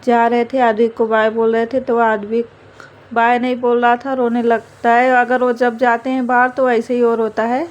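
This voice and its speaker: A woman's voice: fairly high pitch, monotone, normal speed, highs cut off. A young woman narrating her household chores in a chatty, rambling home vlog. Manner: chatty, rambling, fillers of "matlab". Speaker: vlogger, mother.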